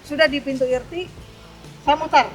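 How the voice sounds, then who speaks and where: Older lady driver telling a story, high voice, plays out both sides of every argument. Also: moderate pace, soft background music. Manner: animated, acts out both sides of dialogues. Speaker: online taxi driver, guest. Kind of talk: casual storytelling interview.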